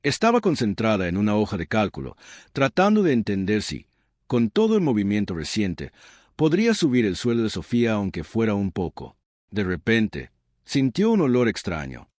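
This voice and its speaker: A man's voice: lowish voice, wildly swooping pitch, normal speed, a little mellow, no room sound, clean studio sound. A man reading a dramatic story as narrator, with suspenseful delivery.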